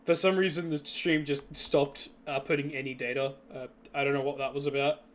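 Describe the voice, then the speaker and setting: A man's voice: fairly high pitch, flat delivery, a little fast. A young man casually chatting on a live stream while building a game level, laughing and rambling with restarts.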